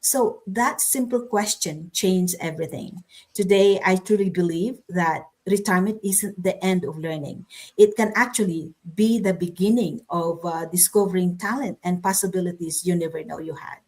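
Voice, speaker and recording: A woman's voice: lowish voice, normal speed, darkish tone. An older woman from the Philippines, a guest on an online panel, talking about learning after retirement and mixing Tagalog into her English.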